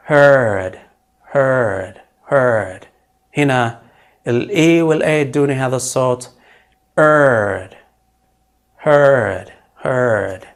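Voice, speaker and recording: A man teaching English pronunciation, explaining in Arabic and slowly repeating each English word several times for the listener to copy. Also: medium pitch. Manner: switches between Arabic explanation and English examples. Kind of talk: pronunciation lesson.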